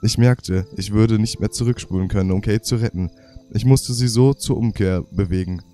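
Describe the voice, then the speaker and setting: A young man with a cold and a half-blocked nose reads game diary pages aloud for his let's play, stumbling over words and correcting himself. His voice is on the low side and warm, at a moderate pace.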